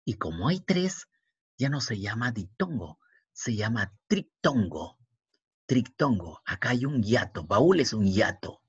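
A very husky, breathy male teacher walks through a lesson, spelling letters one at a time and repeating words. The recording is dry and dull, with a lo-fi edge. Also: lowish voice, sing-song, measured pace, no room sound. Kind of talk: classroom language lesson.

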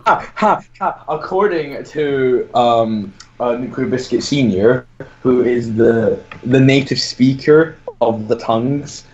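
A man's voice: medium pitch, takes it slowly, darkish tone, dull audio. A young man co-hosting a podcast, argumentative and gloating in casual chat. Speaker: podcast co-host.

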